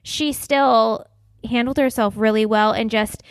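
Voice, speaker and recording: Woman, podcast co-host, slightly high, chatty, reactive, dry recording. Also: fairly even intonation, measured pace, smooth, no room sound. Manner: chatty, reactive, hesitant restarts. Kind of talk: casual chat.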